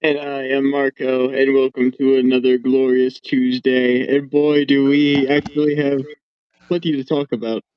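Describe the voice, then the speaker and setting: A man's voice: medium pitch, level tone, normal speed. A man co-hosting a casual chat show, joking and swearing, heard through a tinny phone mic. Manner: laid-back, joking banter with some swearing. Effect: tinny sound from talking straight into a phone. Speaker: co-host. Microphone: phone held up, no headphones.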